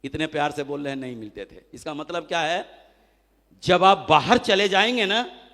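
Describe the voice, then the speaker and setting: Bright-voiced trainer in a hall. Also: male voice, on the high side, normal speed. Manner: rhetorical questions answered himself; animated, acts out quoted people. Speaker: motivational trainer. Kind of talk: motivational seminar talk. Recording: long hall reverb.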